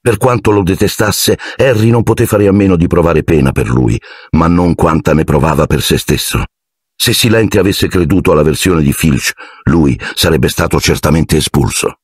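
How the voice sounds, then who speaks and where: A man reading an audiobook aloud in scripted, expressive storytelling narration. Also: sits low, normal speed, husky, no room sound, clean studio sound.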